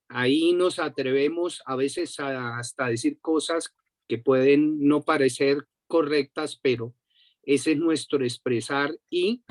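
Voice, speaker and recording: A man wrapping up a group meeting with slow, encouraging, slightly hesitant remarks. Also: medium pitch. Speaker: meeting facilitator.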